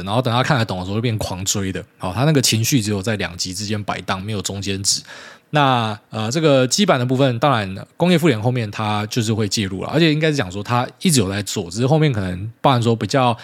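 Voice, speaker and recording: A man talks through a solo podcast at a brisk clip. His voice sits somewhat low, and his relaxed commentary is dotted with casual sentence-final particles. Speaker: podcast host.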